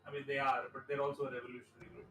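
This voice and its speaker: A man debates and recaps in a casual, swearing way, with a bright tone. He sits away from the mic in a roomy, echoing space with faint noise. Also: medium pitch, flat delivery, rapid-fire, distant mic. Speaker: player. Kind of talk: casual game chat.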